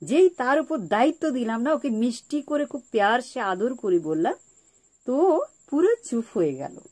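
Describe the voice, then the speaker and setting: A woman giving a spiritual talk on parenting, repeating her key points slowly like a teacher. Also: fairly high pitch, big pitch swings, warm tone. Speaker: spiritual speaker.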